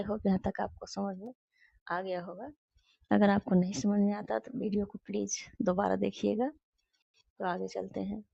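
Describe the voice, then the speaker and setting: A woman tutor walks through grammar rules step by step and slows down to read English example sentences aloud. Her voice is gravelly and mellow, with a flat, steady melody. The recording is dry and a little dull. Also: medium pitch, no echo. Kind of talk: Hindi-medium grammar lesson.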